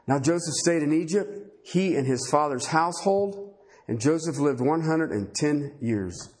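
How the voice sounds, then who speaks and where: A man's voice: on the high side, measured pace, darkish tone. A man preaching a sermon, asking rhetorical questions and acting out the voices of biblical figures.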